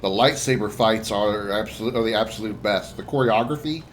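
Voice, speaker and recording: A man's voice: on the low side, a little fast, a little hiss or hum. A man chatting casually as he streams a game, rambling and blunt. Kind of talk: casual gameplay chat.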